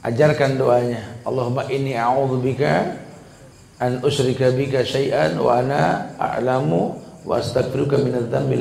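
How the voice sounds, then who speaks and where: Male preacher, gravelly, humorous and conversational, echoey room with faint noise. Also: medium pitch, a little mellow. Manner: humorous, conversational, mimics voices to make points. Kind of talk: sermon.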